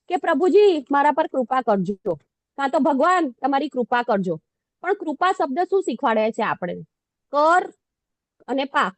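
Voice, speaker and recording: A woman's voice: high voice, no echo. A woman giving a devotional scripture class in a conversational, self-deprecating way, often putting questions to her listeners.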